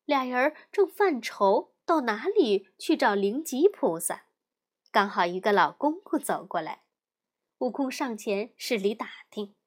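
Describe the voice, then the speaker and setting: A woman narrating a children's story in an expressive, storytelling manner. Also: a little high. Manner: slow, lively, expressive.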